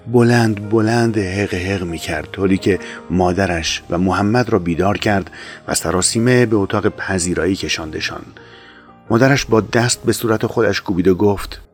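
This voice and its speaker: A man narrating an audiobook in a measured, calm storytelling manner. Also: sits low, soft background music.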